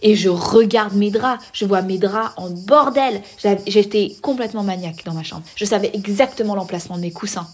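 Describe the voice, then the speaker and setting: Husky young woman telling a story. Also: mid-range voice, brisk, few pauses. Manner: animated, slangy, talks straight to the listener. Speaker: podcast host. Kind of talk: casual personal storytelling.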